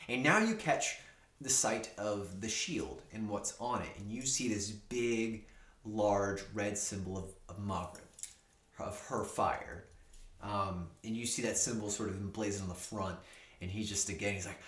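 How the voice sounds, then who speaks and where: A man's voice: fairly low pitch, steady tone, moderate pace, reverberant. A man narrating a tabletop game as game master, rambling and full of fillers.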